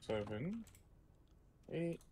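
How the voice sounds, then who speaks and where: A man playing a modded game with a friend, chatting casually and teasing him with deadpan jokes. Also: fairly high pitch, drawn-out words, a little hiss or hum. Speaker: co-op gaming guest.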